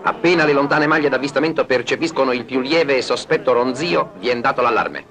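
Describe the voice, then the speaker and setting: A man's voice: mid-range voice, fairly quick, crowd noise. A man narrates a wartime newsreel in a formal, declamatory, scripted style. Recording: noisy 1940s archival newsreel soundtrack.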